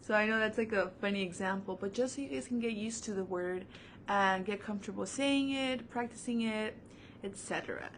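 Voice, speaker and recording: A young adult woman leads a children's music lesson from home, upbeat and encouraging. She talks at a middling pitch, easygoing, with plenty of "uh"s and "so"s. A faint low rumble sits behind her voice on the camera mic. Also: fairly quick. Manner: upbeat, encouraging, many fillers. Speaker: music teacher. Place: seated at home before her own camera.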